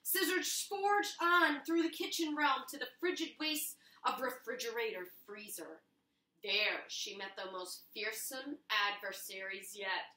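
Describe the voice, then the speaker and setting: Recorded from a distance in a kitchen with noticeable room echo, a young woman reads a storybook to children expressively. Her voice is fairly high, bright and pushed, and her pace is measured.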